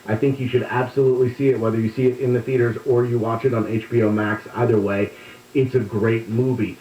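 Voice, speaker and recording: A man, an entertainment reporter, chatting casually on a radio show in a relaxed, talkative way with some restarts. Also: medium pitch, a little fast. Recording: distant, roomy, dull remote line.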